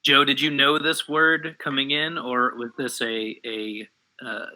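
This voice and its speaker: A man co-hosts a trivia stream and chats casually, asking wry, hesitant questions. His middle-pitched voice sounds extremely bright and tense. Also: fairly even intonation, unhurried, low-quality recording. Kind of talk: casual banter.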